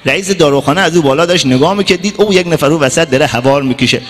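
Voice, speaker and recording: A man, a comic cleric, telling a joke story in an animated, brisk way. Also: a little high. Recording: long reverb, faint music behind.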